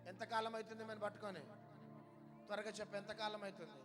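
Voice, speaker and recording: A man leads a charismatic deliverance service, his voice pitched high. He hammers the same short questions and orders again and again, often breaking into shouts. Loud music plays behind him the whole time. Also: steady tone, fast talker. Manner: repeats sharp commands and questions, bursts into shouts. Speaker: preacher leading a deliverance prayer.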